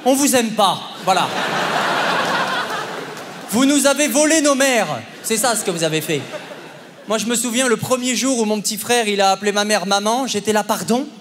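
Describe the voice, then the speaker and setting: Young male stand-up, high voice, big hall. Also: normal speed, pauses often, heavy background noise. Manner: punchy, conversational, often checks in with "ok?". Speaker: stand-up comedian. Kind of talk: stand-up comedy. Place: theatre stage at a comedy festival. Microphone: stage microphone. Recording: long hall reverb, live audience. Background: audience laughter and applause.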